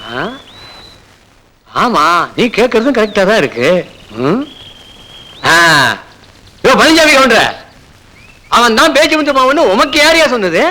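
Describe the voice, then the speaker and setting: An actor playing a pompous village headman in a film comedy, loud and commanding. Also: extremely high pitch, very animated, measured pace, pauses often, slight background noise, exaggerated voice, poor audio. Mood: puzzled. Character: pompous middle-aged male village headman. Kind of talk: 1990s Tamil film comedy acting.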